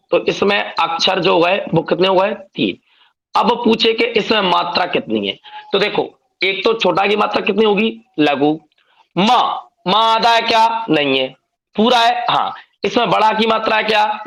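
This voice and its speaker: A man's voice: high voice, creaky, a bit bright, poor audio. A male teacher giving a step-by-step grammar lesson, often asking the class if they understand. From India.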